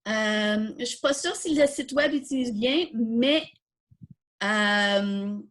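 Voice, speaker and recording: A woman with a Quebec French accent hosts a live online coding workshop, thinking aloud informally and fielding questions as she demonstrates. Her voice sits on the high side with a fairly bright tone, and she speaks slowly.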